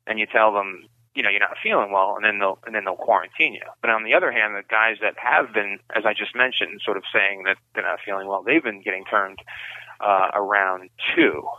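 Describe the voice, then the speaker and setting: A man's voice: lowish voice, steady tone, a little fast, no echo. Man talking over a tinny prison payphone. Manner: rambling, full of "you know" and "like". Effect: payphone call from prison. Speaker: incarcerated writer calling in. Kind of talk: casual spoken update by phone. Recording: tinny dry phone line.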